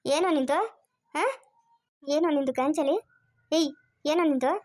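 A woman voicing a scheming, greedy middle-aged father in a cartoon, rough and taunting. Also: high voice, fairly even intonation, a little slow, darkish tone. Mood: bullying. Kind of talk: cartoon voice acting.

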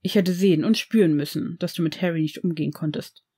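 Woman reading old wizard headmaster, earnest, measured, mellow, fan-fiction audiobook. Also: lowish voice, breathy edge. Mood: grave. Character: old male headmaster, grave and gentle.

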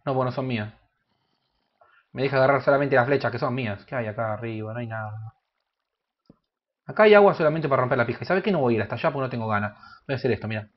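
A man with an Argentine Spanish accent giving crude, joking gameplay commentary that bursts into loud shouts. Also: mid-range voice, fast, long pauses, highs cut off. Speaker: gaming youtuber.

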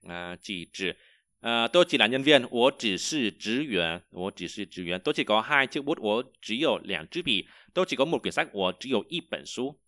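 A man teaching a vocabulary lesson, explaining each word and repeating example sentences slowly, with frequent hesitations. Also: mid-range voice, pushed and bright, no room sound, clean studio sound. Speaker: Chinese teacher.

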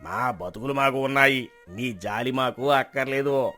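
An actor playing a hardened, defiant bandit leader who answers in gruff retorts. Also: male voice, medium pitch, moderate pace, sharp tone, close to an everyday voice. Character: hardened male bandit chief, defiant and bitter. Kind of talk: storybook drama acting.

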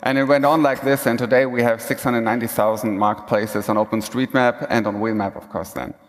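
A male keynote speaker gives a relaxed talk from the stage of a big conference hall, frequently beginning sentences again. He has a mid-range voice with fairly even intonation and a slightly quick pace, and the room echoes.

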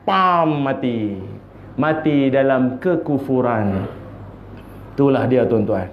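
A preacher with a Malaysian Malay accent gives an evening religious lecture in a mosque prayer hall, speaking slowly in an animated mid-range voice. He is humorous, laughs often, and acts out voices. The lo-fi recording sounds echoey and dull, with a little hiss or hum.

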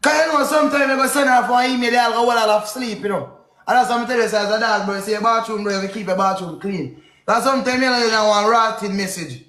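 A Jamaican man in his 20s banters on a casual livestream from a home living room, his high-pitched voice echoing in the room. He talks fast, animated and emphatic, repeating himself, into a phone or webcam close in front on a split-screen live call.

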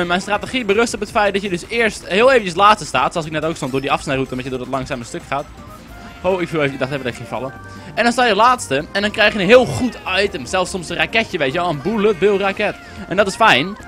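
Excitable young man yelling over a game. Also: high voice. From Netherlands. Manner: excitable, swears and yells at the game. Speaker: gaming YouTuber. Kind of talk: casual gameplay commentary.

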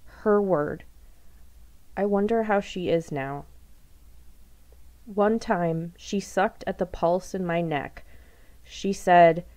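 A woman poet reading her own poem aloud, with a measured, deliberate delivery that leans on repeated phrases. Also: lowish voice, a little mellow. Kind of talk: poetry reading.

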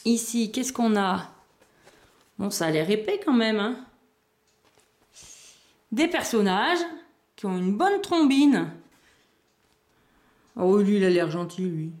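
A woman's voice: mid-range voice, very animated, slow, long pauses, darkish tone. A woman hosting a board game unboxing video, chatting casually and thinking aloud as she handles the pieces. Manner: chatty, thinks aloud while handling items, small laughs.

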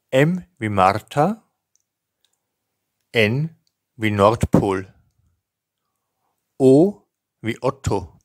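A man in his fifties teaches a language lesson, reciting examples deliberately and with careful enunciation. His voice is medium-pitched, and the studio sound is clean with no echo.

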